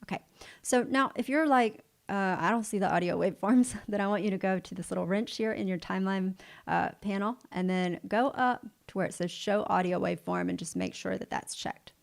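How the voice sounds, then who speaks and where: A woman giving a livestream software tutorial, upbeat and encouraging, talking straight to the viewer as she walks through each step. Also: mid-range voice, fairly quick, gravelly. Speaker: video editing instructor.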